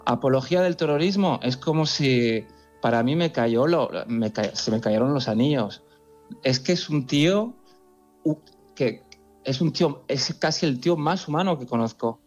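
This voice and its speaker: A man's voice: medium pitch, normal speed, dull audio, soft background music. A man from France in his forties, an editor being interviewed on the radio, speaking earnestly with many restarts and repeated words. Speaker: magazine editor in chief.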